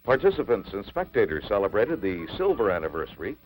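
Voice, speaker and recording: A man narrating an old newsreel in a measured, announcing delivery. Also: on the low side, very animated, music in the background, poor audio.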